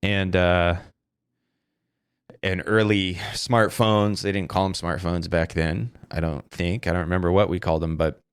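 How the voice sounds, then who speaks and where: A man's voice: sits low, steady tone, measured pace, smooth, dry recording, clean studio sound. A man hosting a casual solo podcast, rambling and swearing as he corrects himself on a desk mic. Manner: rambling, profane, self-correcting. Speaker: podcast host. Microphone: desk mic through a streaming interface.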